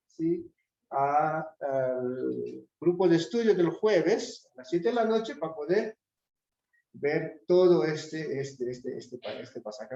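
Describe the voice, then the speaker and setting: A man with a Peruvian Spanish accent leading a Bible study in a church, reading scripture slowly and often checking in with his listeners. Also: sits high, mellow. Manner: reads scripture slowly and deliberately. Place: church hall. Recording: echoey, dull church recording.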